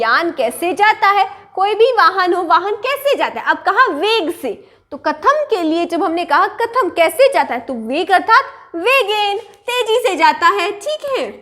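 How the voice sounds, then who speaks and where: Woman teacher, slow deliberate delivery, walks students through examples with frequent check-ins. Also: very high-pitched, fairly bright tone. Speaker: Sanskrit teacher. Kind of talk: online language lesson.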